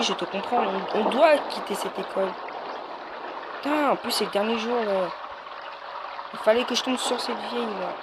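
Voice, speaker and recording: A man commenting on a horror game as a gaming youtuber, jittery and frightened, yelping and muttering to himself. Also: high voice. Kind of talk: let's play commentary. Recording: loud background noise and hiss.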